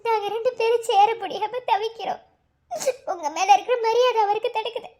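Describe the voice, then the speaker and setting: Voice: fairly even intonation, a little fast, a little mellow. Arundhathi, a tearful village girl. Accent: Madurai Tamil. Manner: tearful, pleading, high and thin. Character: young village woman begging to wed her love. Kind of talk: cartoon voice acting.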